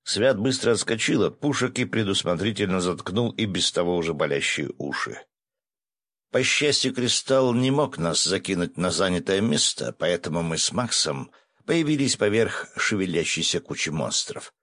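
A man narrating a first-person adventure audiobook, brisk with coarse asides. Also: sits low, lively intonation, a bit bright, no echo, studio quality.

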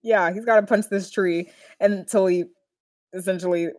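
A woman's voice: mid-range voice, fairly even intonation, moderate pace, a little mellow, dry recording, studio quality. A young woman co-hosting a podcast, chatting casually and playfully about a cartoon episode, laughing often and acting out quotes. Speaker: podcast co-host.

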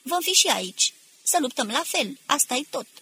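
A woman reading aloud, voicing a male militia commander who shouts slow, forceful orders to exhausted troops. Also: on the high side, expressive, a little hiss or hum. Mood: rousing, commanding.

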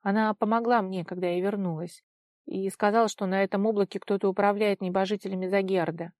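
Woman reading as a stubborn, sharp-tongued young woman. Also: medium pitch, steady tone, a little fast, no echo, studio quality, lightly acted. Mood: tense. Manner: curt commands.

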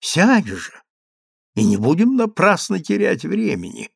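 A man's voice: high-pitched, wildly swooping pitch, unhurried, vocal fry, slightly rough, no echo, clean studio sound, voice pushed up, heavily acted. A man reading an audiobook, voicing a passionate scheming vizier who pleads in a theatrical, ardent way. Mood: soothing. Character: passionate scheming middle-aged male vizier.

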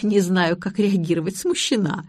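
A woman's voice: lowish voice, steady tone, normal speed, darkish tone, dry recording, studio quality, close to an everyday voice. A woman reading an audiobook voices a haughty elderly bride who speaks in a stately, imperious way. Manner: stately, imperious, hissing when cross.

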